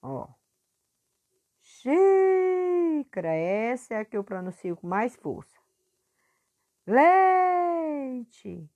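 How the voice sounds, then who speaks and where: A woman teacher recording a lesson review for her pupils, patient and clear, stretching words out to stress syllables. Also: medium pitch, expressive, normal speed, a little mellow.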